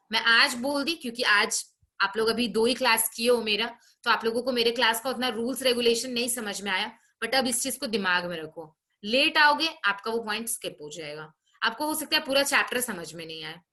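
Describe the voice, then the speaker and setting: Bright-voiced woman teacher scolding online class. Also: fairly high pitch. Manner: scolding, brisk, frequent tag questions. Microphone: video call.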